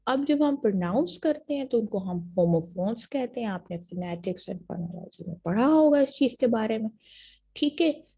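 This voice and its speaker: A woman university lecturer with a Pakistani accent, explaining terms patiently and reading English definitions slowly, in a muffled lo-fi recording. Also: on the high side, lively intonation, breathy edge. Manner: patient, repeats checks like "theek hai ji" after each point. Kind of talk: classroom lecture mixing Urdu and English.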